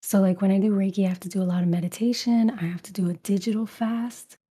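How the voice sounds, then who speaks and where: Soft whispering woman, mellow and breathy. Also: medium pitch, fairly even intonation, fast talker. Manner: mostly whispering, with fillers like "like" and "you know". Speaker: ASMR video creator, interview guest. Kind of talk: casual interview answers.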